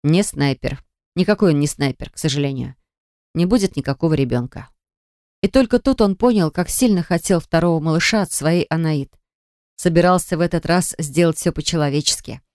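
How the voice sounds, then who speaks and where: A woman's voice: sits low, a little mellow, no room sound, clean studio sound. A woman reading a novel aloud as an audiobook narrator, telling it evenly and dramatically.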